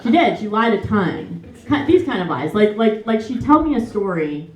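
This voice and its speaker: A young woman with a natural, medium-pitched voice and big pitch swings performs a comic monologue in a stage musical at normal speed. She's wry, chatty and self-mocking, with lots of fillers. The live theater recording is roomy, with faint music behind her.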